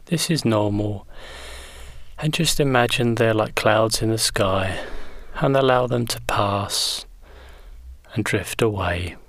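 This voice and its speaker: A man leading a guided progressive muscle relaxation in slow, gentle, soothing instructions. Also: on the low side, no echo, clean studio sound.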